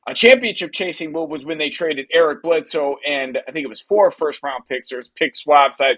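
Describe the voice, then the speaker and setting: An energetic man in his thirties with a slightly high voice, co-hosting a sports podcast. He talks in quick bursts, laughing between points. He is from Wisconsin and keeps a casual, chatty tone. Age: 30s. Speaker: podcast co-host.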